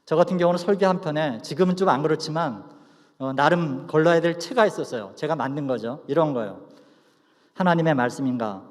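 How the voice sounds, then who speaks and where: A man's voice: a little high, quick pace. A man speaking as a pastor, addressing students in a chapel service. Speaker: pastor, guest lecturer. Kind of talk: preaching and prayer to students. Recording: reverberant hall sound.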